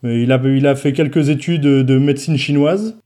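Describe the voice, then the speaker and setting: A man co-hosting a podcast, telling a dark topic with dry, mock-serious humour and frequent hesitations. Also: medium pitch, steady tone, moderate pace. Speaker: podcast co-host. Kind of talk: joking podcast chat.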